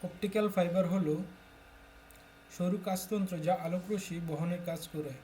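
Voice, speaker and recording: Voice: medium pitch, fairly even intonation, moderate pace, mellow, slight background noise. A tutor from Bangladesh steadily reading exam questions aloud and announcing each answer in turn.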